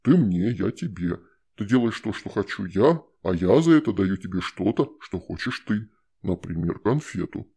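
A man reading an audiobook voices a scheming, coaxing shadow spirit in a slow, husky, wheedling voice. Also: on the low side, expressive, mellow, voice pushed down. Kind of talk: audiobook character voice.

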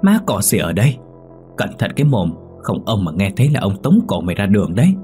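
Man putting on a sharp-tongued village wife. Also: on the low side, lively intonation, moderate pace, soft background music, lightly acted. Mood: sharp scolding. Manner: nagging, sharp.

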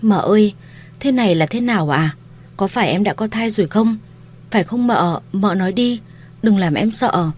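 A woman's voice: medium pitch, moderate pace, darkish tone, natural voice. A woman voicing a frightened young female house maid, timid and stammering as she pleads. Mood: timid pleading.

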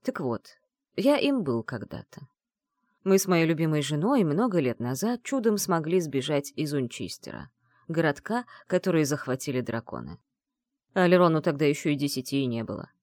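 A loving old grandfather tells a painful family story with quiet sorrow, voiced by a woman reading an audiobook. The delivery is low yet swings widely in pitch. The sound is close and dry, with no room around it. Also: sing-song, normal speed, dry recording. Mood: sad, tender.

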